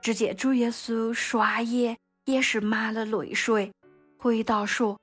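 A woman narrating a Bible story in a slow, gentle way and speaking directly to her listeners. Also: on the high side, little pitch movement, breathy edge, soft background music.

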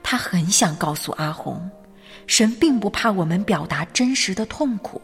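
A woman narrating a scripted story in a gentle, measured manner. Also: mid-range voice, animated, breathy edge. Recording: reverberant hall with faint music. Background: faint background music.

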